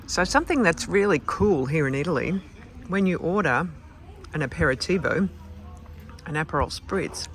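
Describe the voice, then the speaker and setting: A man giving a steady, scripted travel voice-over in an informative tour-guide manner. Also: fairly high pitch, moderate pace. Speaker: vlog narrator. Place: voice-over recording. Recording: voice over music bed. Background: clear background music.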